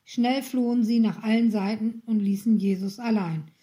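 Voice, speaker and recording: A woman narrating a children's Bible story with a clear, even reading. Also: a little high, normal speed.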